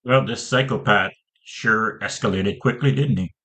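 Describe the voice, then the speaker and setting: Host, man, low voice, snarky commentary. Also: normal speed, pushed and bright, slight background noise. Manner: sarcastic, mocking. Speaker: show host.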